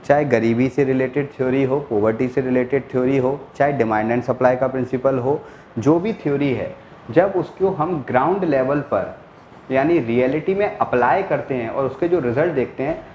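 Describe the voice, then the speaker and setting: A man's voice: mid-range voice, normal speed, darkish tone, roomy sound, lo-fi sound, a little hiss or hum. A male teacher giving a lecture, explaining step by step, repeating key words and answering his own questions. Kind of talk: classroom lecture.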